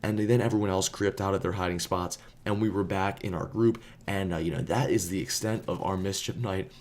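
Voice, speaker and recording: A man's voice: low voice, fairly even intonation, brisk, a little mellow. A man casually telling a story, rambling with lots of fillers. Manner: rambling, filler-heavy, laid-back. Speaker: storyteller and vlogger.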